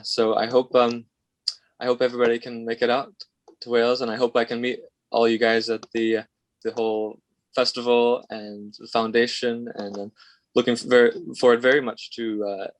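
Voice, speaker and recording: Rambling young man from Michigan, flat voice. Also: mid-range voice, moderate pace, dry recording, low-quality recording. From Michigan, USA. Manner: rambling, many ums and uhs. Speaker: Welsh language student. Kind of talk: casual unscripted message.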